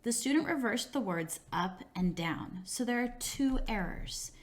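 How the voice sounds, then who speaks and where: A woman narrating a scripted teacher training lesson, explaining scoring rules step by step in a measured, clear way. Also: on the high side, expressive. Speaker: instructor in a teacher training video.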